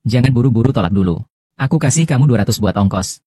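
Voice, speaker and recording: A man's voice: medium pitch, expressive, fast, mellow, slightly rough, dry recording, studio quality. A man dubbing a cocky, bossy young man in a drama, speaking in an offhand way. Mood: smug. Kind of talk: dubbed drama acting.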